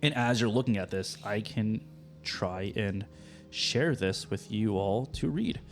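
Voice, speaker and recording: A man's voice: fairly low pitch, measured pace, faint music behind. A man narrating as game master of a tabletop role-playing game, describing scenes loosely with plenty of fillers.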